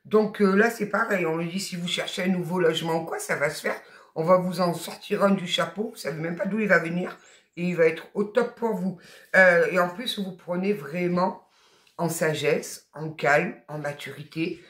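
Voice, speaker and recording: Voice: mid-range voice, normal speed, a bit bright, reverberant. A tarot card reader with a Southern French accent, giving a spoken guidance reading in an emphatic, colloquial and encouraging way, with blunt asides.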